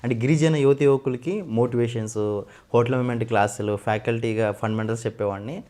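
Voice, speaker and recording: Man, interview guest, mimicry artist, rapid animated talk, mid pitch. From West Godavari, Andhra Pradesh. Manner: fast, animated storytelling with frequent sir.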